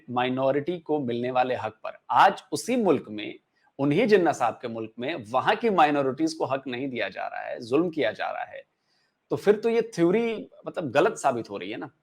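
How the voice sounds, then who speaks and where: A man hosting a discussion, speaking in a deliberate, questioning way. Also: mid-range voice, animated. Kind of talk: conversational discussion.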